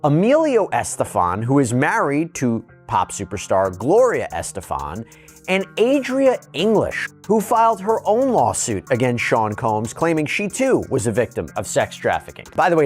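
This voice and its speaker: A man giving legal news commentary, part read and part in his own words. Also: mid-range voice. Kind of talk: news commentary with scripted quotes.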